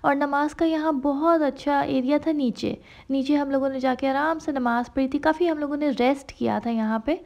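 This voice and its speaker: Speaking at a normal speed with a steady tone, this woman has a high, creaky, darkish voice, and the recording's highs are cut off. She narrates her travels as a vlogger in a relaxed, chatty Hindi-Urdu, sprinkled with English phrases and frequent fillers.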